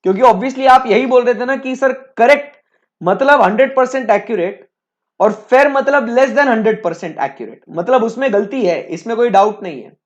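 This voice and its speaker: A man's voice: extremely high pitch, normal speed, muffled recording. A male teacher giving a live online lecture, talking conversationally and repeatedly checking in with his students.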